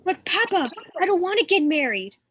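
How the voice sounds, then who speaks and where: A girl playing a high, pleading young bride. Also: very animated, moderate pace, fairly bright tone, no echo, full character voice. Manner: pleading, emotional. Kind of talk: amateur play reading.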